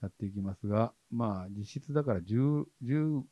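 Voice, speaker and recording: A man hosting a casual chat, asking curious questions with quick interjections. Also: fairly low pitch, no echo, dull audio. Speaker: podcast host.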